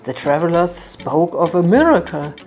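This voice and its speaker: A woman narrating a folktale in a calm, measured storytelling manner. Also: lowish voice, soft background music.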